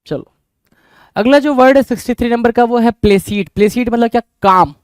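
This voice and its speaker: High-voiced Indian man teaching vocabulary. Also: brisk, clean tone, no echo. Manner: keeps asking the class rhetorical questions, calls them "bhai". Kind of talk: exam-prep vocabulary lesson.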